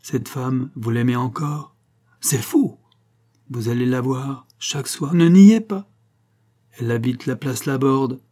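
A man's voice: medium pitch, flat delivery, a little slow, dark tone, voice pushed up, natural voice. A man voicing Banco, an imperious ruthless noblewoman. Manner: commanding, demanding.

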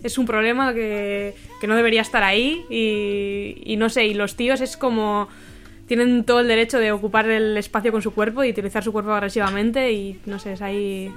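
A woman's voice: mid-range voice, fairly even intonation, fairly quick, hardly any pauses. Hesitant woman thinking aloud. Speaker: radio show participant. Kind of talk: casual feminist discussion.

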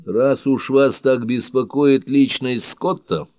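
A man reading an audiobook thriller, voicing a scornful, blunt middle-aged man who talks loudly and mockingly, on a dull lo-fi recording. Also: fairly low pitch, expressive, moderate pace, dry recording. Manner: loud, mocking, provocative.

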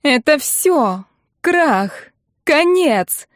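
In an audiobook, a young older sister wails in a high, nasal voice that cracks with hysteria, as a woman reader puts her on. She keeps a shrill, tearful lament going on one note, loud and strained, in a dry, close recording. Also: sing-song, very slow, no room sound, heavily acted. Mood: hysterical.

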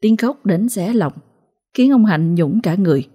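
A woman narrating a ghost story in a steady, dramatic way. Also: mid-range voice, moderate pace, breathy edge.

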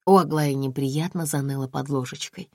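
Low-voiced woman narrating an audiobook. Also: normal speed, mellow, dry recording, studio quality. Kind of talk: scripted narration.

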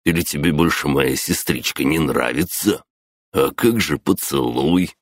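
A man voicing a mocking, crude young male bully in an audiobook, sneering and loud. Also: rumbling low, unhurried, no echo, full character voice.

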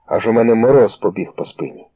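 A man narrates a story in a steady, measured way, with a low, husky voice. The sound is tinny and phone-like, dry with no room echo. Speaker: audiobook reader.

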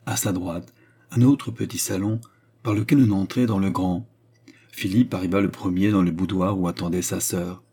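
A man narrates a classic novel at a measured, steady pace. His voice sits low and dark. A husky grain colors every line. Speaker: audiobook reader.

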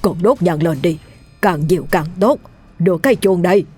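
A woman's voice: lowish voice, moderate pace, mellow, husky, faint music behind. A woman with a Southern Vietnamese accent voicing a feeble, stern old male exorcist who stammers out commands.

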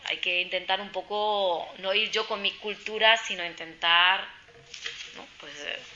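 A woman's voice: mid-range voice, fairly even intonation, measured pace, sharp tone, muffled recording, slight background noise. A woman journalist from Spain giving an informal talk, chatty and storytelling, acting out the voices in her anecdotes. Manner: chatty, storytelling, acts out quoted dialogue. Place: social centre meeting room.

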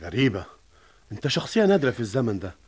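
An actor playing a stern, questioning Egyptian company director in a radio drama. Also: male voice, medium pitch, big pitch swings, very fast, slight background noise, close to an everyday voice. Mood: explaining. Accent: Egyptian Arabic. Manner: questioning, authoritative.

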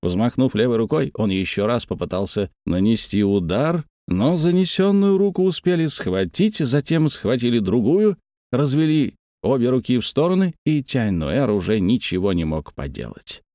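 Animated male storyteller with a mellow voice. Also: mid-range voice, moderate pace, no echo, studio quality. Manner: expressive, animated reading. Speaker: narrator. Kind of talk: storytelling narration.

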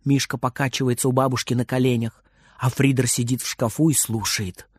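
A man reading a children's storybook aloud in a lively, expressive way. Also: mid-range voice, a little fast, breathy edge, no room sound, clean studio sound. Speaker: narrator.

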